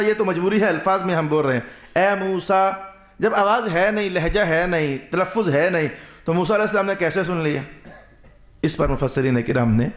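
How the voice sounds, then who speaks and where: A man with a Pakistani Urdu accent delivers a sermon, his voice sitting a little high for a man. He builds his points from short repeated phrases and asks rhetorical questions before answering them. The recording is echoey. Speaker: Islamic preacher.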